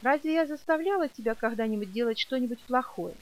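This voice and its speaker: A woman reading an audiobook and voicing a gentle, worried mother who asks perplexed, pleading questions. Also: on the high side, animated, fast talker, natural voice, low-quality recording. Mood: bewildered. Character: gentle bewildered mother, worried and soft-hearted.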